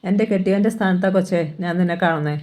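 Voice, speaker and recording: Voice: mid-range voice, fast, a little mellow, natural voice. Reader voicing lonely 36-year-old woman. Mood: pleading. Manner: pleading, intimate, colloquial. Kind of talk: audiobook character dialogue.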